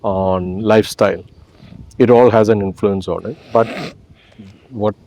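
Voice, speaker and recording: Man, Malayali accent, mellow tone, slightly low pitch, reflective interview talk, explanatory. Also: fairly even intonation, measured pace, lo-fi sound, a little hiss or hum. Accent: Malayali Indian. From Kerala, India. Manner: explanatory, often tags phrases with "you know". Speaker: interview guest.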